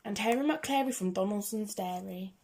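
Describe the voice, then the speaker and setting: A woman reads a children's picture book aloud at normal speed, her mid-range voice carrying a darkish tone. The rhyming lines come out rhythmic and singsong, and slight background noise is audible in this storybook read-aloud.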